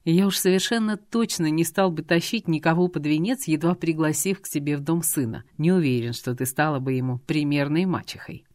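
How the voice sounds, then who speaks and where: A woman's voice: sits low, a little fast, hardly any pauses, a little mellow, dry recording, studio quality, natural voice. A woman voicing a cold, growling businessman. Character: stern middle-aged businessman, cold and quick to anger.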